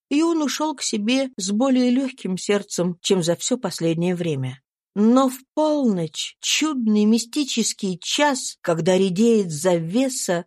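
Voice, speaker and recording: A woman's voice: mid-range voice, a little mellow, no room sound, clean studio sound. Solemn woman narrating an audiobook. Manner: slow, solemn, deliberate. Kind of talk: scripted literary narration.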